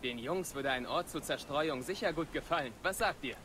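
An actor playing a pirate crewman who makes a suggestion to his captain, heard quietly from game audio. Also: on the high side, normal speed, background noise, close to an everyday voice. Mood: suggesting. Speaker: ship's crewman.

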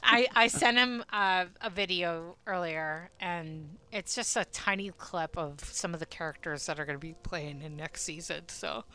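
A woman's voice: on the low side, normal speed, hardly any pauses, bright, forceful tone. A woman streamer chatting casually while gaming. She rambles and giggles, and she sounds sleepy and yawny. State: sleepy, yawning. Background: game music.

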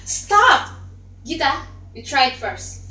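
A woman's voice: high voice, sing-song, takes it slowly, pushed and bright, recorded from a distance, exaggerated voice. A young woman playing a bossy stepmother in an amateur school drama, with a theatrical delivery. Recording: echoey room on a phone.

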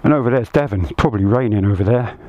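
A middle-aged British man narrating a casual vlog outdoors in a halting, tongue-in-cheek way. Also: fairly low pitch, dry recording, narrow, tinny audio. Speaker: motorcycle vlogger. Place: outdoors, on a motorbike and country roadside. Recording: very loud outdoor vehicle noise.

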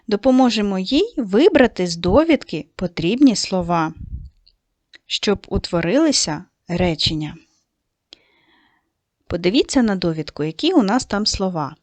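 A woman's voice: medium pitch, very animated, darkish tone, no room sound. Patient woman teaching young children. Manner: slow, patient, coaxing, stresses each word. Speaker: primary school teacher. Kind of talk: recorded second-grade lesson.

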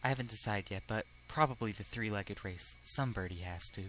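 A man voicing a quiet young male pigeon classmate, soft and subdued. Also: on the low side, fairly quick, slight background noise, voice pushed down, natural voice, low-quality recording.

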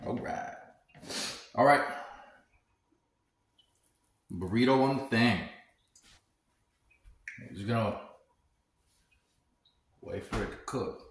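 A man's voice: lowish voice, slow, pauses often. A man in his forties hosting a casual cooking vlog, talking to himself in a wry, crude way as he cooks in his home kitchen. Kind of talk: casual joking cooking commentary. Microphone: camera across the room. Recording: echoey kitchen with background noise.

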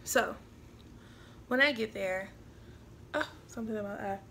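A woman's voice: medium pitch, unhurried, pushed and bright, slight background noise. A woman in her late twenties chatting casually in a vlog, sassy and talkative, calling viewers honey, with a stuffy nasal voice. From United States. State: nasal congestion. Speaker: vlogger. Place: at home.

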